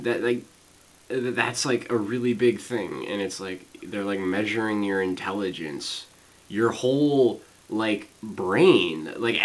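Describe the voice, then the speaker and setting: A young man in his late teens venting in a casual vlog, rambling with lots of fillers and swearing, swinging between loud complaints and quiet mumbling. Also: medium pitch, rough recording. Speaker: student vlogger.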